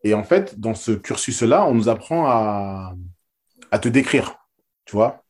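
A former basketball player and interview guest, telling anecdotes in a loose, slangy, emphatic way with many repeated words. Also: male voice, on the low side, lively intonation, measured pace, darkish tone, husky. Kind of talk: casual storytelling.

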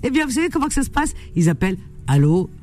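A woman hosting a call-in radio show, animated, indignant and teasing with her callers. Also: sits high, rapid-fire. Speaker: radio host.

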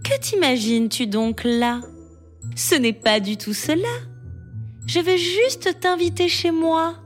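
A woman voicing a sly, flattering female fox who coaxes in her smoothest voice. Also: very high voice, slow pace, faint music behind, voice pushed up. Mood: coaxing. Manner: suave, coaxing.

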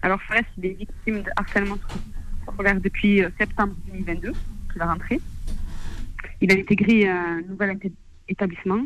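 A woman speaking as a guest on a radio call-in, heard over a phone line with a weak connection, giving a plain, soft-spoken account. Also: medium pitch, fairly even intonation, fairly quick, long pauses, slight background noise. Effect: heard over a phone line with a weak, faint connection. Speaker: mother of the guest's subject, on air as a guest.

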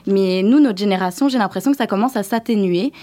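Woman presenter, average pitch, explaining things informally. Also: quick pace, warm tone. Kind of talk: informal radio-style presentation.

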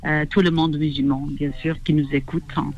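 A woman's voice: low voice, flat delivery, normal speed, a little mellow. Hesitant woman caller on a dull line. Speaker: radio caller. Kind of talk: phone call to a radio show. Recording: dull phone-line call on radio.

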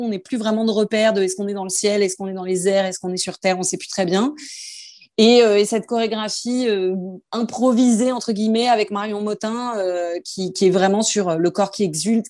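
A woman's voice: medium pitch, darkish tone, dry recording. Thoughtful woman singer, dry close sound. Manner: thoughtful, hesitant, many fillers and restarts. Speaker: singer guest. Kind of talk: interview answers. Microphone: phone held in hand.

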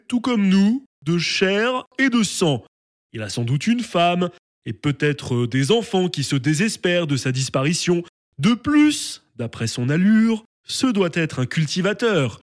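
A woman voicing a gentle giant father who lectures kindly in a lowered, slow voice.

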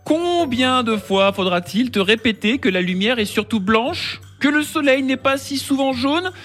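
A woman's voice: high voice, lively intonation, a little slow, fairly bright tone, soft background music, heavily acted. A woman voicing a small violet colour who lectures the others in a storybook. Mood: lecturing. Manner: lecturing, exasperated. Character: frowning know-it-all violet colour, small sibling.

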